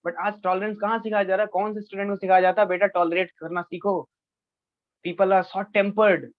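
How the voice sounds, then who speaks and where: Earnest high-voiced man teaching a class. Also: little pitch movement, fairly quick, dry recording. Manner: earnest, presses listeners with rhetorical questions. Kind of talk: lecture to a youth class. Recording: dry, dull lo-fi sound.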